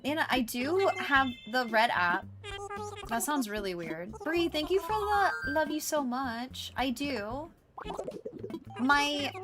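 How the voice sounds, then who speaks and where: An American woman chatting casually to viewers on a game livestream, rambling playfully from one remark to the next. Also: sits high. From United States. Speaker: live game streamer.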